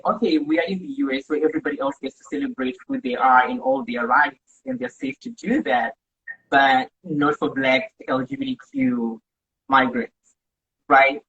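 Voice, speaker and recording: A Zimbabwean woman with a deep yet fairly bright voice tells her story earnestly as a guest on a live video chat, often tacking on "right?". She's a community organizer, and the phone or laptop mic gives the livestream a dull, lo-fi sound.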